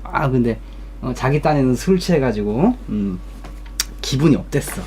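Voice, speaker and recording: A man's voice: mid-range voice, expressive, moderate pace, a little mellow, breathy edge. A young man telling a story casually from his streaming room, blunt and swearing, acting out coworkers in raised voices. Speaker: streamer giving life advice.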